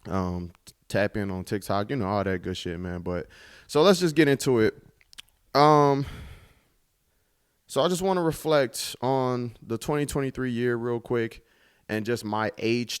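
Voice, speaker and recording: A man's voice: fairly low pitch, smooth. A man in his twenties hosting his own podcast, talking in a laid-back, reflective way with casual swearing. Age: 20s. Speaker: podcast host. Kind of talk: casual solo podcast monologue.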